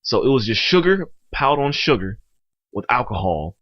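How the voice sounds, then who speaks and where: A young man from Cleveland with a Cleveland accent, chatting excitedly and laughing through his lines. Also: medium pitch, moderate pace, no echo. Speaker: guest. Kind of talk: casual chat. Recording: dull lo-fi sound.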